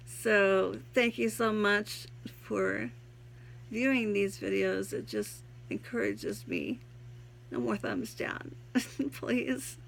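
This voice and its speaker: A tired woman vlogger with a gravelly voice and slightly soft R sounds, talking in a playful, rambling, giggly way in a casual devotional style. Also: medium pitch, expressive, slow, slight background noise. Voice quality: trouble pronouncing R sounds. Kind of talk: casual devotional vlog with poem reading.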